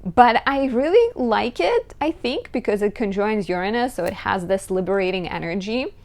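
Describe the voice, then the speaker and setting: A woman astrologer giving a chatty, lively horoscope talk, often saying "like". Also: mid-range voice, moderate pace.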